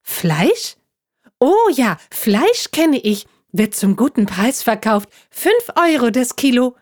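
Woman doing a chirpy high juice box. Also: very animated, slow, a little mellow, exaggerated voice. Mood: naive chatter. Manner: curious, naive, prattling. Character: chatty naive talking grape juice box.

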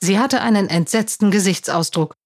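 A woman reading a children's story aloud, narrating in a clear and steady way. Her voice sits at a middle pitch, and her delivery is even and well paced. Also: moderate pace.

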